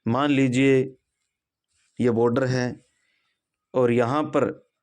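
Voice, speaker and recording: A man gives a classroom-style grammar lesson at an unhurried pace. His voice sits at an ordinary middle pitch, and he talks his students through each point with example sentences. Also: level tone, darkish tone, clear, resonant tone. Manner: slow, deliberate explaining with example sentences. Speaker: Hindi grammar teacher.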